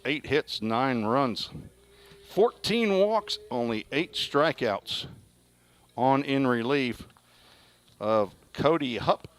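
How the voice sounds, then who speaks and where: A man's voice: medium pitch, fairly bright tone. A man doing folksy color commentary on a baseball broadcast from a stadium press box, chatting and reading out player stats.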